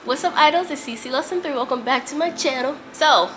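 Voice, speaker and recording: With background noise present, a woman host speaks briskly in a high-pitched voice during a casual sit-down vlog, chatting emphatically to camera and occasionally reading aloud. A lingering cough leaves her sounding congested and slightly strained.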